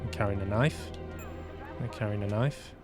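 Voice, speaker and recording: A Manchester game streamer with a fairly low voice gives casual live commentary at a moderate pace. He mutters to himself and reads prompts aloud while faint game music plays.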